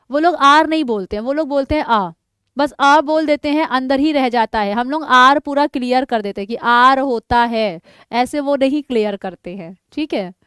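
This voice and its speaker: A woman with a high voice teaches a live exam-prep class. She talks in a chatty way and drills the answers over and over. The sound is dry and close, with no room echo. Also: fairly bright tone. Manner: drills answers by repeating them, reads out student names; chatty, jokes about names.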